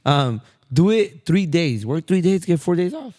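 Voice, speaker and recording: Male barber podcast host, lively and quick, casual chat. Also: a little high. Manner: animated, quick, says bro a lot.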